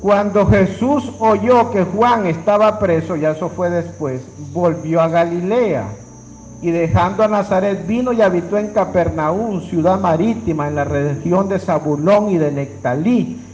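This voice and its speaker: A man's voice: a little slow, a little mellow, lo-fi sound, slight background noise. A man preaching a sermon, dramatically acting out dialogue and calling on the congregation to repeat after him. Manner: dramatic, acts out dialogue with sudden pitch swings; addresses congregation directly, calls them to repeat.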